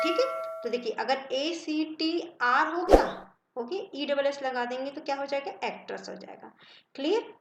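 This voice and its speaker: A woman's voice: high voice, echoey room, noisy background. A woman with an Indian accent teaching an English grammar lesson, reading word pairs aloud and checking that students follow. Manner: reads word pairs aloud, checks understanding with short asides. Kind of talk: classroom lesson explaining word lists.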